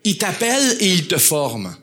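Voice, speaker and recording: A man with a Québécois accent preaching a sermon, animated and repeating words for emphasis. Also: high voice, a little slow. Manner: animated preaching with acted quotes and emphatic repetition. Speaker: pastor.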